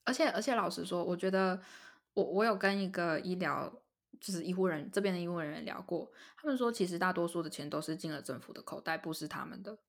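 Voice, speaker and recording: Animated young woman telling a story. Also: lowish voice, fast. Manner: animated, acts out quoted dialogue. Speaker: podcast co-host. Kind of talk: casual storytelling chat.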